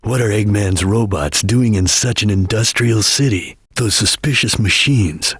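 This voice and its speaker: Husky, stern chameleon ninja. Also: male voice, fairly low pitch, a little slow, a bit bright, no echo, studio quality. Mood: calm, instructive. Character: stern, disciplined adult male chameleon ninja detective. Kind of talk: video game character voice lines.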